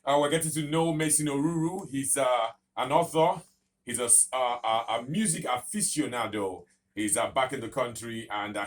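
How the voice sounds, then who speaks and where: A man hosting a radio interview in a studio. He talks emphatically, like a presenter, and fills his pauses with "uh". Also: mid-range voice. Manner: emphatic presenter, many fillers. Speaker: radio host.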